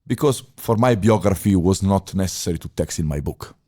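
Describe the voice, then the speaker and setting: An Italian former chef in his thirties, with a deep, mellow voice, appears as a guest on a podcast for a casual interview. His non-native English is halting, full of fillers, pauses, and restarts, yet he speaks firmly and expressively.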